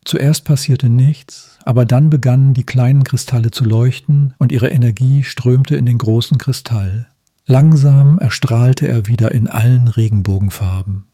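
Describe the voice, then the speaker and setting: A man reading a children's story aloud in a calm, measured way. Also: mid-range voice, dry recording, clean studio sound.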